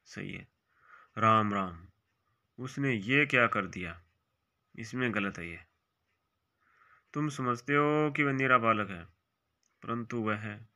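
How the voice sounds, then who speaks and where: Brief: male teacher, very bright and crisp, reads quiz options aloud, then quietly marks each right or wrong. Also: takes it slowly, pauses often. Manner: drops quieter and lower for short asides. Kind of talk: exam-prep grammar lesson.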